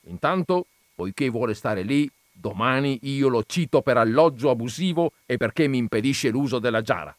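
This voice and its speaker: A man voicing an irascible rich old landowner who bursts out in loud, indignant, high-pitched complaints. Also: expressive, moderate pace, dry recording, natural voice. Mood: shouting angrily.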